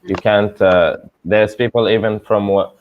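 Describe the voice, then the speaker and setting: Man from Iraq, lowish voice, careful and hesitant questioner, muffled video call sound. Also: level tone, a little slow, a little hiss or hum. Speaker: forum participant.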